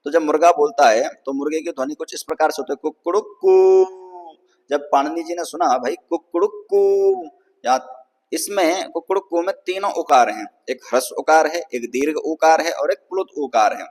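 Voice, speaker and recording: A man's voice: a little high, a little fast, in a large hall, rough recording. A man teaching Sanskrit grammar in a patient lecture, often checking that students follow and drawing out vowels to show their length. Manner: patient, repeats "ठीक है ना" to check understanding. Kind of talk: explanatory lecture.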